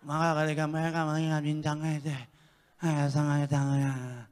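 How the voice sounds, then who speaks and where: High, bright-voiced preaching man in a big hall. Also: flat delivery, normal speed, smooth. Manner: preaching, swinging from loud exhortation to low joking asides. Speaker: pastor. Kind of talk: sermon. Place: church hall, live service. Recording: long church-hall reverb.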